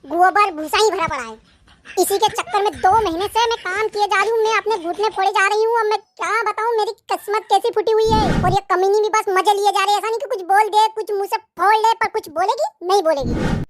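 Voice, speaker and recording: A woman plays a bossy mother-in-law in a cartoon who nags and threatens. Her voice is very high. The sound is dry and close. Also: a little fast, no room sound. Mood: threatening. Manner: nagging, threatening.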